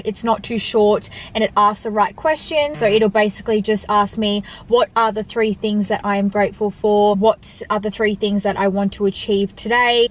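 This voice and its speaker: A woman talking casually and emphatically to viewers in a vlog style while she eats. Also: mid-range voice. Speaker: online fitness coach and vlogger. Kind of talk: casual chat to viewers, mukbang Q&A.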